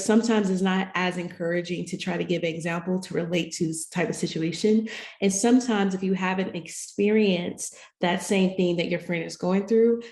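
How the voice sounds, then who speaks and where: A woman's voice: fairly low pitch, a little mellow, reverberant. A woman co-hosting an advice podcast who talks in a rambling way, with restarts and slips. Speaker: podcast co-host. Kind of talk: casual advice podcast chat.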